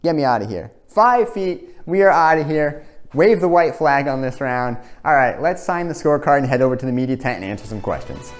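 Casting: young adult man, mid-pitched voice, informal self-narrated golf commentary. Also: expressive, brisk. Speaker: host of a simulator golf series.

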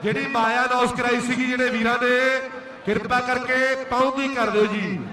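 Loud, high-pitched Punjabi male kabaddi commentator. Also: moderate pace. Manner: loud, hearty, excited calling with repeated words. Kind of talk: live tournament commentary and announcements. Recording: echoey PA, distant mic, faint noise.

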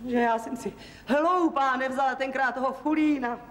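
Actress doing a nagging house-proud wife, shrill and high, old 70s tv film sound, echoey far off with hiss. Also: female voice, fairly even intonation, lightly acted. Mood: scolding. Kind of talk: 1970s TV drama acting. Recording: roomy 1970s TV film sound, faint hiss.

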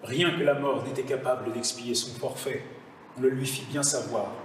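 Guy reading a fable, measured, big echoey stone chapel. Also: medium pitch, steady tone, far from the mic, slight background noise. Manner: slow, measured literary delivery. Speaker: reader, actor. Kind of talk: stage reading of a verse fable. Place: large stone chapel, live audience reading.

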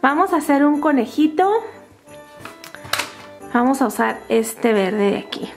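Speaking a little slowly in a high voice, a Latin American woman with a Spanish accent runs a kids' toy channel. She's sing-song, bright and thrilled while narrating unboxings and crafts, addressing little viewers with diminutives as music plays.

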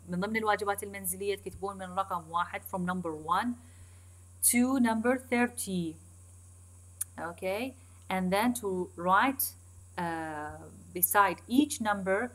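Iraqi woman, English teacher, recorded lecture; mixes Arabic with slow, deliberate English, repeats key points, mid-pitched voice. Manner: addresses students directly, repeats key points.

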